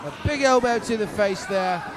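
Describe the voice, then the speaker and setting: High-voiced male lucha libre wrestling announcer. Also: moderate pace. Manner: dramatic showman phrasing, formal addresses to the audience. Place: broadcast table at a wrestling event. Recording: live event with loud crowd.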